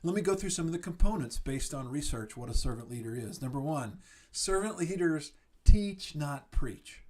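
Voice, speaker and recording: A man's voice: on the high side, animated, normal speed, darkish tone. A middle-aged man presenting a recorded slideshow lecture, earnest and encouraging, often restarting his words. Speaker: student services presenter. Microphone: computer mic on a video lecture.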